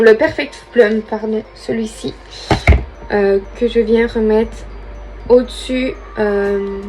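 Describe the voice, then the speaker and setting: A woman's voice: on the high side, darkish tone, rough recording. A young woman, chatting casually through a makeup tutorial and thinking aloud as she works. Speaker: beauty vlogger.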